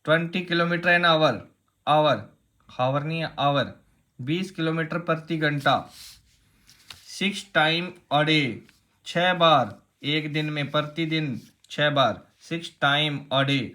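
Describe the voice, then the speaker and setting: A man's voice: fairly high pitch, slow pace, sharp tone. A man gives a grammar lesson for exam students. He explains each point step by step, asks his class rhetorical questions and keeps repeating the key rule. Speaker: English grammar teacher.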